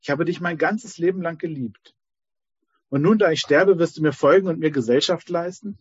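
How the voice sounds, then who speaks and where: A dying rich old king pleads with a husky, slightly raised voice, as a man puts him on. He sounds lonely and regretful. The recording is dull, lo-fi and dry. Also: a little high, normal speed, dry recording, voice pushed up. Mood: pleading.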